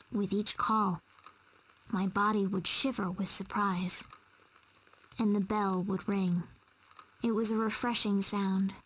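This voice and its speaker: A woman reading a story narration in a measured, storytelling voice. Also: medium pitch, husky, rough recording.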